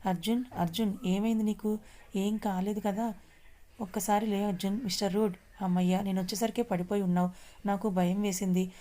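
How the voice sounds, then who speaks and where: A woman's voice: mid-range voice, fairly even intonation, fairly quick, dark tone, lightly acted. A woman reading the part of a caring young woman who comforts the hero, in a story. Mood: worried.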